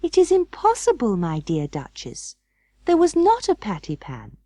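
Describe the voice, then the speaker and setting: A woman voices a prim, fussy female cat hostess in a storybook audiobook, sounding proper, emphatic, indignant and firm. Her medium-pitched, mellow voice swings hugely in pitch, pushed up, at normal speed. There is no room sound.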